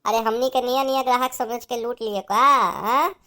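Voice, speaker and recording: Woman doing a shrill bossy elder sister with an Awadhi accent. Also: steady tone, moderate pace, a bit bright, close to an everyday voice. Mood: scolding. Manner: shrill, scolding haggler. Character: bossy elder village sister, haggling schemer. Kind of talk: cartoon voice acting.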